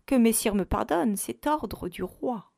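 A woman's voice: on the high side, lively intonation, measured pace, creaky, warm tone, no room sound, clean studio sound, heavily acted. Woman doing a chatty fawning innkeeper. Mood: obsequious.

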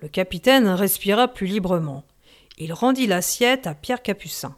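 A woman narrating a novel in a measured, expressive reading. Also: medium pitch. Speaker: audiobook narrator.

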